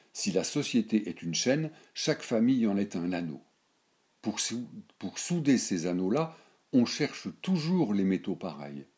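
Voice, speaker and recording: A proud old noblewoman in a storybook, lecturing with scorn and worldly certainty, as a man reads her in his own low, dark voice. Her speech is declamatory and slow-built. The tone stays mellow and deep. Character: indignant aristocratic old grandmother, worldly and scornful.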